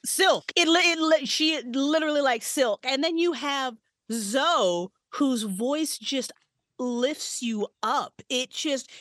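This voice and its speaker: Swearing freely and laughing a lot, a podcast co-creator in her forties chats casually and animatedly as a guest. Her voice sits high but she talks slowly, and the sound is dry and studio quality.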